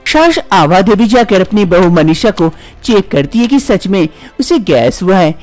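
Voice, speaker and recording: A man narrating a cartoon story in a plain, even storytelling style. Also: sits high, a little slow, faint music behind.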